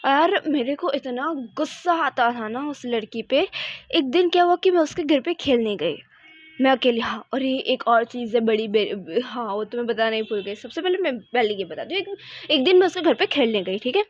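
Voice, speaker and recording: A young woman tells a casual storytime in a high, lively voice, restarting phrases and slipping in English. The recording is dry and a little dull, like a basic phone or webcam mic. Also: normal speed, no echo. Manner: animated, code-mixing Hindi with English, frequent restarts.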